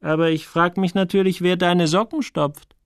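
A man's voice: sits high, fairly even intonation, moderate pace, clear, resonant tone, no room sound, clean studio sound, pitched above the performer's own voice. A man putting on a teasing, curious woman. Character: curious grown woman, teasing, relaxed and knowing.

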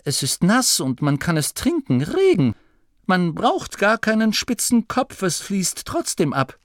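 A man voicing a patient young male gnome leader who explains things calmly in a storybook reading. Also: sits high, unhurried, no room sound, studio quality, voice pushed up. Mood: explaining. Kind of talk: audiobook character voice.

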